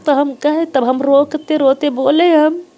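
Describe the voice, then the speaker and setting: A woman's voice: sits high, fairly even intonation, unhurried, dark tone. A middle-aged woman, earnestly retelling a family story in heavy dialect, repeating herself. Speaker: interviewee, mother. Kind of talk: emotional personal storytelling.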